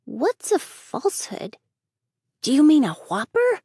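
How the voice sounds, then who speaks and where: A woman puts on the voice of a mischievous little boy, high and childlike, talking in a frank, pleading, colloquial way with wildly swooping pitch. The delivery is unhurried, warm and exaggerated, and the sound is dry and close with no room or echo around it.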